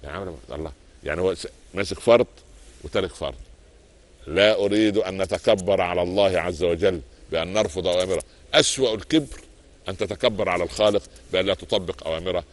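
A man with an Egyptian accent preaching a sermon, telling anecdotes in a lively storyteller's way and moving between everyday and formal speech. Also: sits low, quick pace. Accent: Egyptian Arabic.

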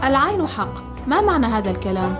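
A woman's voice: high-pitched, big pitch swings, quick pace, music in the background. A woman interviewer reading formal questions.

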